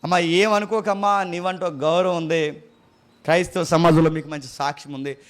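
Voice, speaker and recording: A man preaching a sermon with a Telugu accent from Andhra Pradesh. He scolds his listeners with rhetorical questions and mimics boastful people in quick asides. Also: fairly high pitch, steady tone.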